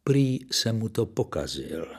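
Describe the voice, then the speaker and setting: Deep voice guy reading a story out loud, dry and a bit ironic. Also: very animated, creaky.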